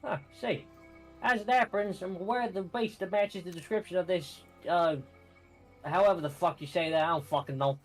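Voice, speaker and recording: A man's voice: sits high, normal speed, soft background music, voice pushed up. A man putting on a brash New York tough. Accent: put-on New York. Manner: brash, swearing constantly. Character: foul-mouthed brash male guide, New York tough. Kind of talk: reading game dialogue aloud in voices.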